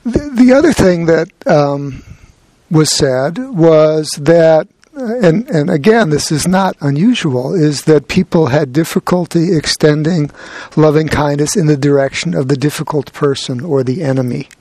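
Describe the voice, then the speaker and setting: Brief: male meditation teacher, gentle and reflective, unhurried, slightly high voice, dry close sound. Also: no room sound. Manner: gentle, reflective, lightly humorous. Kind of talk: dharma talk.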